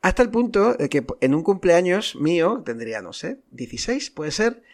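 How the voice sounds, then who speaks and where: A man's voice: sits high, sing-song, normal speed, darkish tone. A man from chats on a podcast in a slightly raised voice. He muses over his opinions and hedges them, like someone thinking aloud with friends. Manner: reflective, hedging. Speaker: podcast co-host. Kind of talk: casual chat.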